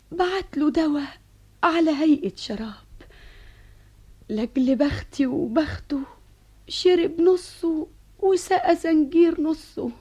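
A woman's voice: sits high, dark tone. An actress playing a fearful, tender queen mother with an Egyptian accent in a vintage radio drama, talking in a soothing, confiding way. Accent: Egyptian Arabic. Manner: soothing, confiding, sometimes whispering. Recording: dull old radio broadcast.

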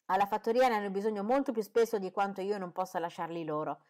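A woman reading the part of a dry, sarcastic middle-aged father in a cool, measured, ironic tone. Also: mid-range voice, steady tone, a little mellow, close to an everyday voice.

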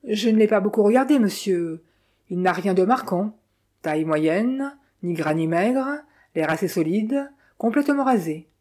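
A woman's voice: mid-range voice, lively intonation, measured pace, darkish tone. Woman reading as a flustered young hotel porter.

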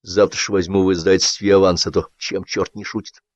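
A man's voice: low voice, level tone, fairly quick, no room sound, dull audio, close to an everyday voice. A man reading an audiobook, voicing a sly, self-serving male writer who talks in a wheedling, mock-pathetic way.

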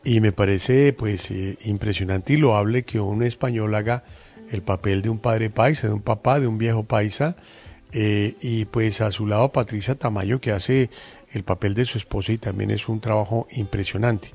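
Gravelly radio interviewer. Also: male voice, lowish voice, steady tone, a little mellow. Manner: effusive, admiring, drawn-out phrasing.

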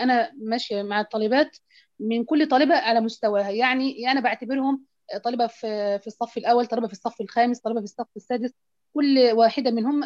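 A woman's voice: fairly high pitch, a little mellow, no echo. A woman with an Egyptian accent, a Quran recitation teacher, asking a question hesitantly with many fillers. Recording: dull dry lo-fi call audio.

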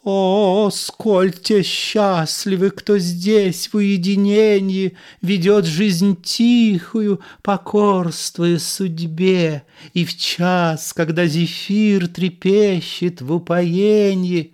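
A man voicing a fat, pompous, cowardly actor, reciting pastoral verse in a high theatrical voice that falters. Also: steady tone, drawn-out words, few pauses, a little mellow, clear, resonant tone. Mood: declaiming.

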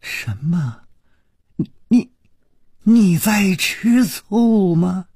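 A man's voice: sits high, animated, drawn-out words, mellow, slightly rough, dry recording, studio quality, pitched above the performer's own voice, heavily acted. A man doing a trembling, stammering dying woman. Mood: shocked. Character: stricken, dying woman, frightened and bewildered.

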